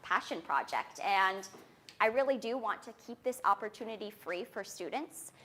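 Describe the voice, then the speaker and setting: A young woman giving a confident startup pitch as a founder, explaining things earnestly in a presentation style. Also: lively intonation, moderate pace, pushed and bright, slight background noise.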